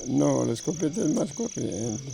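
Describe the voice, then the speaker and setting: Gravelly old Peruvian grandfather, low-voiced. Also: sing-song, moderate pace, noisy background. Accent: northern Peruvian. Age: older. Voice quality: gravelly, creaky aged voice. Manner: rambling, repeats phrases, colloquial. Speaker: grandfather recounting local oral history. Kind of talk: informal oral storytelling.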